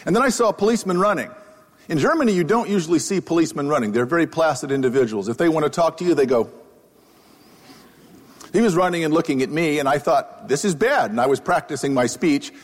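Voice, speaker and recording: A man's voice: a little high, animated, quick pace. Wry storytelling man in a reverberant hall. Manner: wry, self-deprecating anecdotal delivery. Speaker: economist giving a public talk. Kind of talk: humorous storytelling lecture. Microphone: wearing a microphone. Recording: live talk with long hall reverb.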